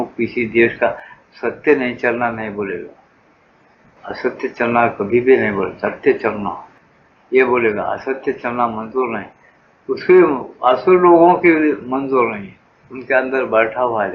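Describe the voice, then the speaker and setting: A man's voice: fairly high pitch, a little hiss or hum. A man in his seventies from Telangana, a spiritual teacher giving a devotional discourse full of rambling, colloquial anecdotes. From Telangana, India. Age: 70s. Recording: dull muffled old tape.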